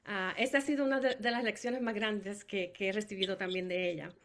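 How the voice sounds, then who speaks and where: Speaking fairly quickly in a steady, mid-range voice that's a bit bright, a middle-aged woman from Puerto Rico recounts her experience as a family caregiver. She has a Puerto Rican Spanish accent and frequently stumbles into fillers and restarts.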